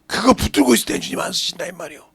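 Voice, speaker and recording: A male pastor preaching a sermon, swinging from shouted lines to hushed whispers. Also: high-pitched, expressive, racing, creaky, slightly rough, no echo.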